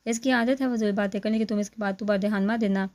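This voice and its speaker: A woman's voice: mid-range voice, steady tone, fast, darkish tone, close to an everyday voice. A woman voicing a young husband who brushes off his friends' teasing in a dry, defensive way.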